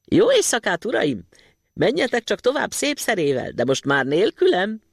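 A man voicing a tiny, mischievous boy in a storybook reading, shouting and teasing. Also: high voice, wildly swooping pitch, gravelly, husky, dry recording, studio quality, pitched above the performer's own voice, exaggerated voice. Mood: mocking shouts.

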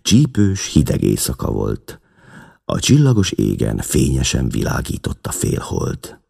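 Deep, gravelly male storyteller. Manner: dramatic, expressive reading. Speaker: narrator. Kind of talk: audiobook reading.

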